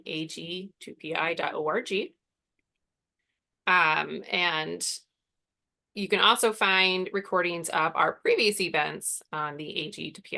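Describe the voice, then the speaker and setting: A woman hosting an online workshop, opening the session relaxed and with frequent fillers. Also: lowish voice. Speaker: workshop host and project manager. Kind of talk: introducing a webinar session.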